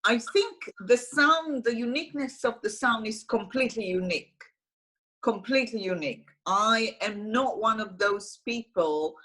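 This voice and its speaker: A woman in her forties with an Israeli accent, a singer-songwriter talking slowly and thoughtfully on a video call interview. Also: fairly high pitch, expressive, fairly bright tone. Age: 40s. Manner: slow and thoughtful, with frequent restarts and laughs. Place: small room at home, indoors.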